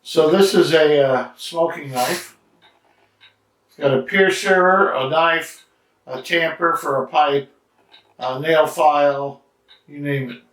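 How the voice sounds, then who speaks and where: A man giving a casual, halting review with many fillers, recorded indoors in a study with a strong room echo. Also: a little high, fairly bright tone. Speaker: cigar and drink reviewer. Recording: echoey room, mic at a distance.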